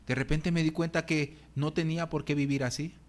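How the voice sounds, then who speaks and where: Male pastor, middle-aged, high voice, humorous sermon, acts out his groans. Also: fairly even intonation, a little fast. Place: church hall.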